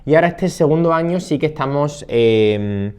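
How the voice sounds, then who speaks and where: Speaking at a moderate pace, a young interpreting student in his twenties whose first language is Spanish has a smooth, slightly mellow, expressive voice on the high side. The talk is a casual conversational chat, hesitant and full of fillers and restarts.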